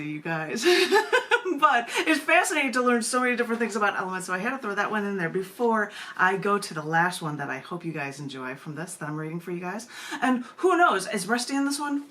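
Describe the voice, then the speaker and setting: On a live video stream from a virtual meeting, a woman hosts a poetry open mic and reads her poems aloud, keeping things chatty and casual. Giggly and given to digressive asides in the chat, she has a medium-pitched, fairly bright voice.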